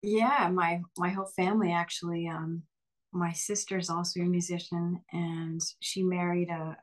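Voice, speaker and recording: Chatty upbeat woman, lowish voice. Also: level tone, moderate pace, rough recording. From Pennsylvania, Lehigh Valley. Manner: chatty, upbeat, often laughing, frequent fillers. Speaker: singer and bandleader, interview guest. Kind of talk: casual interview conversation.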